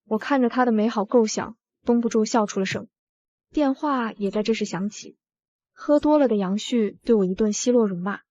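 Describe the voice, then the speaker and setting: A woman narrating a short drama in the first person, telling the story at a steady pace. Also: fairly high pitch, normal speed, no echo. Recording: dull lo-fi audio.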